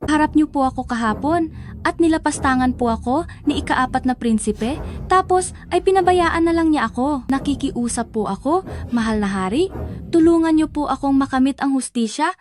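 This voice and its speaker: A woman's voice: sits high, lively intonation, normal speed, slight background noise. A woman dubbing a young woman who formally pleads before a king in a period drama. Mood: pleading.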